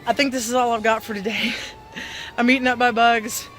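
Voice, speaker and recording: High-voiced man in a phone video. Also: little pitch movement, normal speed, a bit bright. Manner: chatty, wry, self-deprecating. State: hot and sweaty. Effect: phone video recording. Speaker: vlogger decorating a yard for Halloween. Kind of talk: casual self-filmed vlog. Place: outdoors in a yard at dusk. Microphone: phone camera.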